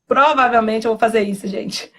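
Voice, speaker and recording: A woman's voice: a little high, normal speed. A young woman with a Bahian accent, speaking in an earnest, heartfelt way in a casual interview about becoming a doctor, often quoting her mother. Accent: Bahian Portuguese. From Brazil. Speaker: interviewed medical student.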